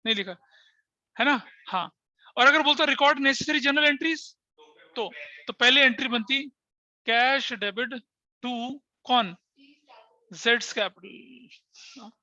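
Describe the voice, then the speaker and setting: A man's voice: very high voice, slow, pauses often, bright, forceful tone, dry recording, lo-fi sound. A middle-aged man teaching an accountancy class, talking straight to his students, mixing Hindi and English terms, joking and scolding by turns. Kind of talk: online class lecture.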